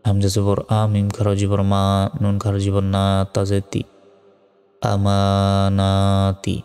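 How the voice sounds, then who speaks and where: A man teaching Quran reading, spelling out syllables slowly and then reciting them in a melodic chant. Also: lowish voice, monotone, dark tone. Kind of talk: letter-by-letter recitation lesson. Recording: long reverb hall with faint music.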